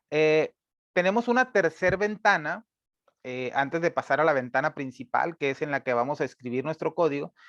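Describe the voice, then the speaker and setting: A man teaching a screen-recorded programming lesson, patient and step by step, filling pauses with "eh" and checking in with "¿verdad?". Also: fairly high pitch, no room sound, highs cut off. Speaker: instructor.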